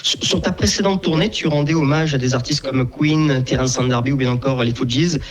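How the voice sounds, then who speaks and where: A man hosting a live radio interview, asking questions in a halting way with frequent restarts and fillers. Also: medium pitch, noisy background. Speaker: radio host.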